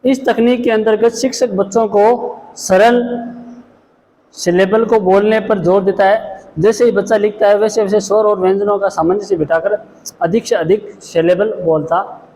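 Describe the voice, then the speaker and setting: ऊँची आवाज़ वाला पुरुष शिक्षक, गूँजता कमरा. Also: male voice, sits high, steady tone, normal speed, mellow. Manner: explains then repeats each point, frequent "ठीक है". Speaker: special education lecturer. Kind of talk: classroom lecture. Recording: echoey room with faint noise.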